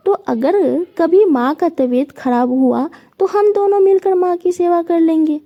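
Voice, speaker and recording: A woman's voice: very high voice, a little slow, muffled recording. A woman voicing a caring young wife, with earnest, reassuring lines.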